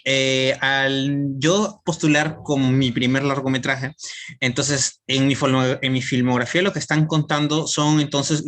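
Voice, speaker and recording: A man's voice: medium pitch, fairly bright tone. A man taking part in a workshop, asking a question in a hesitant way, thinking aloud as he goes. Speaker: workshop participant.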